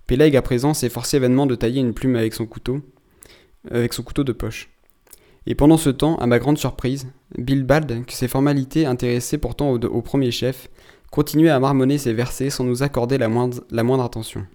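A man reading a classic novel aloud, steady and measured in his storytelling, now and then stopping to restart a word. His voice sits at a middle pitch with a mellow, dark tone. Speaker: narrator. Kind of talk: audiobook narration of a classic novel.

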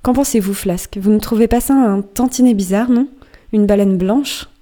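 A woman's voice: medium pitch, normal speed, warm tone, close to an everyday voice. A woman reading as a wry boastful sailor. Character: wry, boastful male sailor telling his dream. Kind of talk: audiobook reading.

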